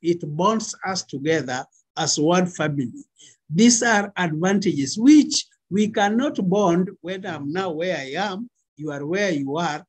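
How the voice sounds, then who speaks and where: A middle-aged Kenyan man with a husky voice, a pastor giving a deliberate, emphatic exhortation over a video call. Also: high-pitched, lively intonation. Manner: deliberate, emphatic phrasing with pauses. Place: small indoor room. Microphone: computer mic on video call.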